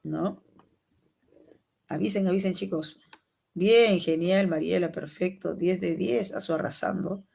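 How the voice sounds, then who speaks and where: A woman with a Peruvian Spanish accent teaching an online exam-prep class, quizzing students by name in a lively way. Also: fairly low pitch, measured pace, gravelly, pauses often, husky. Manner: lively, calls students by name, asks and answers questions.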